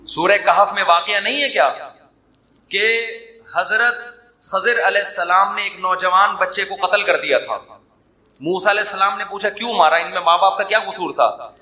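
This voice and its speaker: A man's voice: sits high, pushed and bright, roomy sound. A man preaching a humorous sermon, mixing jokes and banter with scripture. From Pakistan. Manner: jokey, mixes banter with scripture. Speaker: Islamic preacher.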